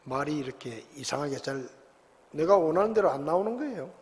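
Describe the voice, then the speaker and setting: A man's voice: fairly high pitch, expressive, brisk. A man, a pastor preaching a sermon in a conversational, storytelling way with rhetorical questions. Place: church sanctuary. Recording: long church hall reverb.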